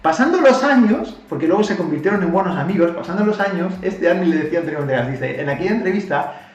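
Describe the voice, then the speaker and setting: Lively Spanish host, slightly high voice, echoey and far from the mic. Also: male voice, fast, highs cut off. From Spain. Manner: animated, acts out quoted lines with laughter. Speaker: YouTube language-learning host. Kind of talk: casual retelling and explanation.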